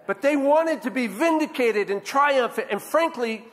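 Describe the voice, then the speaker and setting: A man's voice: very high-pitched, lively intonation, a little slow, fairly bright tone, big-room sound. A man preaching a sermon as a pastor, conversational and often checking in with the congregation. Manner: conversational, often adds "right?" to draw in the congregation.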